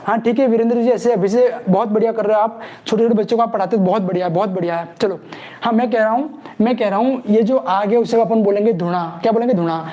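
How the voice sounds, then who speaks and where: The recording is lo-fi, and the man's voice sits high and warm as he moves at a quick pace through an exam-prep lesson. He quizzes playfully and supplies the answers himself, repeating each key term alongside a mnemonic story.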